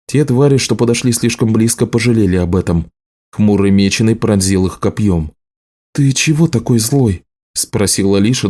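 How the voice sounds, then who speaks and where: A male narrator reading an audiobook in a measured, even manner. His voice is low and mellow, with a dark, warm tone.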